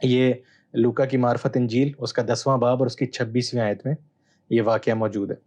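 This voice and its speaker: A man, a Bible scholar guest, explaining texts in a measured, teacherly way with hesitant pauses. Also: mid-range voice, level tone, darkish tone. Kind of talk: explanatory interview answer.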